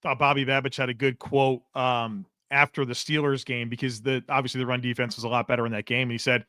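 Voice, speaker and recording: An excitable man breaking down a football game on a podcast, with a bright, forceful edge to his voice. He talks with emphatic bursts, and the mic sound is close and dry. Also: medium pitch, quick pace, dry recording. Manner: excitable, emphatic, says he is catching his breath. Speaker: sports podcast analyst. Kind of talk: casual sports talk.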